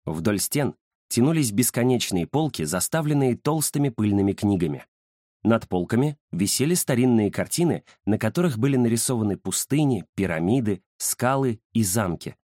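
A man narrating a children's story in an expressive storytelling manner. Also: mid-range voice, moderate pace, dry recording, clean studio sound. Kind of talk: audiobook narration.

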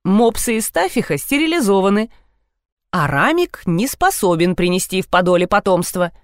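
A woman narrating a comic novel as an audiobook, reading with lively expression. Her pitch moves a great deal through each sentence. The recording is dry and close, with no room sound. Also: moderate pace, no room sound.

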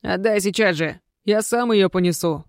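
A woman doing a young werewolf guy, jealous, bossy, indignant, loud and dry. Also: mid-range voice, moderate pace, no echo, lightly acted. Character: jealous young male werewolf student, sharp.

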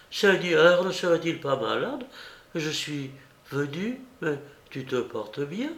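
A man's voice: gravelly, echoey room, exaggerated voice. A man voicing a fussy, devout elderly aunt in an audiobook, fretful and scolding in a raised voice. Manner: fretful, scolding, pitched up high.

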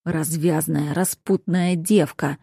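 An indignant, stern lord of the house in an audiobook, put on by a woman narrator. He blusters and scolds in a warm, mellow voice. The sound is dry and close. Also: low-pitched, fairly even intonation, takes it slowly, vocal fry, slightly rough, no room sound, full character voice. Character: older lord, angry stern family head.

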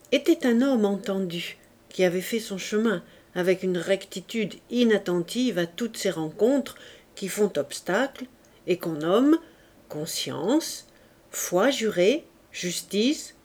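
A woman narrating a classic novel audiobook in a measured, expressive manner. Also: medium pitch.

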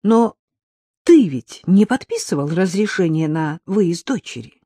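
A woman's voice: lowish voice, very animated, a little slow, breathy edge, dry recording, clean studio sound, heavily acted. Narrator doing a fierce mocking young woman. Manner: mocking, accusing, loud. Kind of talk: audiobook character voice.

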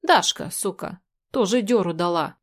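A woman's voice: medium pitch, animated, moderate pace, natural voice. A woman voicing a drunk, brutish young man who sneers and spits out crude insults in a storybook reading. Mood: leering.

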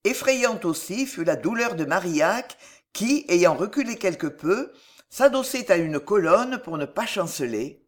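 An audiobook narrator reads a historical novel slowly and with a measured touch. The pitch moves widely from phrase to phrase, giving the reading plenty of life. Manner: measured, expressive.

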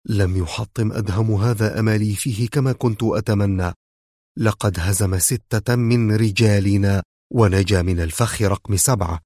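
A man voicing a calm, smug male villain who mocks his captive quietly and without hurry. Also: medium pitch, no room sound, clean studio sound, natural voice. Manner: quiet, mocking and unhurried.

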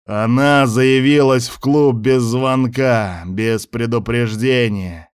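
A male reader voicing a drunk, furious young man who snarls and shouts crude insults. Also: medium pitch, slow, smooth, close to an everyday voice.

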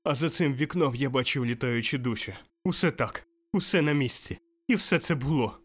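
A man's voice: mid-range voice, normal speed, husky, pitched above the performer's own voice, close to an everyday voice. Man playing an overjoyed old Scrooge. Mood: giddy, exultant. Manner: exclaiming, breathless, laughing. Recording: faint music behind.

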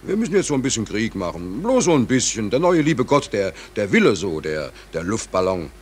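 A man's voice: fairly low pitch, big pitch swings, a little fast, slight background noise. An actor playing a worried ship's stoker in a radio drama, speaking hesitantly and repeating his words. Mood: bitter.

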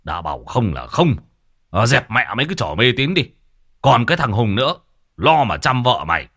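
A man doing a gruff, stubborn old father. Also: mid-range voice, sing-song, moderate pace, pushed and bright, voice pushed up, full character voice. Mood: gruff scolding. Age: older. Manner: curt, scolding, swears. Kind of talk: story narration with acted voices.

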